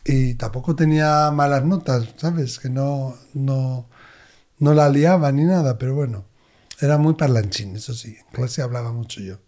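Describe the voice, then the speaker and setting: A man, a medium, telling expressive stories as an interview guest. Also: medium pitch, normal speed. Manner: expressive, animated anecdotes. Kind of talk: conversational storytelling.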